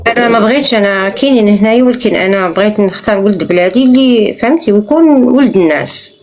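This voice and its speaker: A woman's voice: medium pitch, quick pace, a little mellow. A woman in her thirties with a Moroccan Arabic accent, calling into a live show and speaking hesitantly with many fillers. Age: 30s. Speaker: caller seeking a husband. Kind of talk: casual chat.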